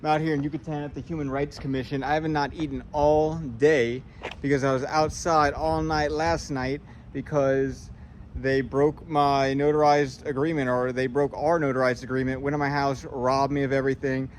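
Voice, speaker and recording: A man's voice: medium pitch, little pitch movement, moderate pace, a little hiss or hum. A man vlogging on his phone outdoors in a city square, talking in an upset, rambling, repetitive way. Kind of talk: casual selfie vlog.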